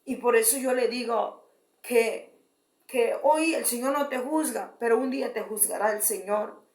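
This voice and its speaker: A woman giving a fervent testimony sermon, often repeating her address to the congregation and restarting phrases. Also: fairly high pitch. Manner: repeats "beloved brethren", halting restarts. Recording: roomy echo.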